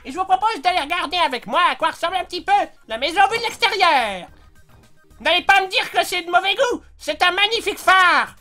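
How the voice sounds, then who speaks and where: A man voicing a cranky elderly woman who plays video games, prim in manner but quick to swear. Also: very high voice, expressive, bright, forceful tone, faint music behind, full character voice. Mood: prim chatty. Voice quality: prim old-lady voice turning crude. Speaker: parody youtuber. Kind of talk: comedic gameplay commentary.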